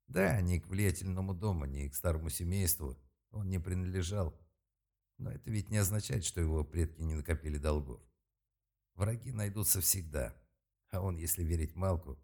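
A man reading an audiobook aloud in a steady, measured way. His voice is very deep and dark, with a husky, breathy grain. The delivery stays calm and even through long narrated passages. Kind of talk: scripted narration.

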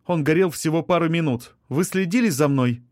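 Icy young woman as a male narrator puts her on, raised pitch, curt, dismissive, dry close sound. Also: normal speed, dry recording, lightly acted. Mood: annoyed. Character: young woman, cold and fed up. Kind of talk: audiobook character reading.

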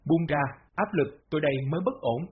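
Man playing a harsh middle-aged father, curt barked orders, husky voice, lo-fi audio. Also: on the high side, lively intonation, fast talker. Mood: furious. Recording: dull lo-fi audio.

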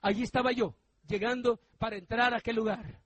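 A man telling a story in a sermon, shifting dramatically between hushed lines and shouted ones. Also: very high voice, fairly even intonation, a little fast, slightly rough.

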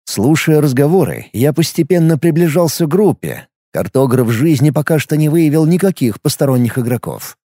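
Man narrating with a dark, lively voice. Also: on the high side, normal speed, few pauses, no echo, studio quality. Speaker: audiobook narrator. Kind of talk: first-person scripted narration.

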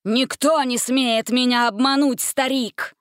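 Woman reader doing a bossy, cowardly male bandit leader for a storybook, high and loud. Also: expressive, measured pace, no room sound, studio quality. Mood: bossy, panicked. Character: bullying male bandit leader, easily scared. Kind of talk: storybook reading.

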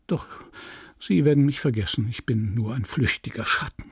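A man voicing a smooth-talking gentleman seducer, soft and pleading, in an audiobook reading. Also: medium pitch, normal speed, no echo, studio quality.

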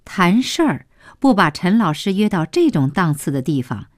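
A woman narrating a serialized novel in a slow, expressive storytelling manner. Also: fairly low pitch, no echo, studio quality. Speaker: audiobook narrator.

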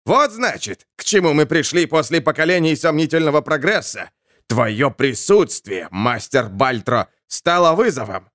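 Man playing gravel-voiced grim spirit; dry sound. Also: a little high, expressive, moderate pace, fairly bright tone, dry recording. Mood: cold. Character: gravelly grim male soul.

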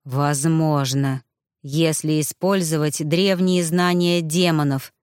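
A woman voicing the ghost of an old man, a medium, who speaks hoarsely in a slow, shaken way. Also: sits low, steady tone, darkish tone, dry recording, clean studio sound, voice pushed down. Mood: haunted. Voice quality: hoarse, wheezy.

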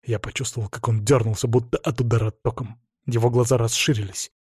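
A man narrating a first-person audiobook story in a measured, intense way. His voice is dark and husky, and it sits close and dry with no room sound around it. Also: mid-range voice, steady tone, no echo.

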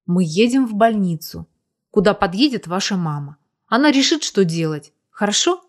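A woman's voice: medium pitch, lively intonation, moderate pace, lightly acted. Woman reading a soothing protective woman. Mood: gentle. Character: protective young woman, fierce then gentle.

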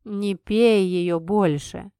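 A wry grown man, a police officer who teases with slow, lowered words, voiced by a woman reading the book. His lines come out softer and more drawn out than the narration. The recording is dry and close to the mic. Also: dry recording, close to an everyday voice. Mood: dry, teasing. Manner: lowered, quieter, drawn-out delivery. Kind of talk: audiobook character voicing.

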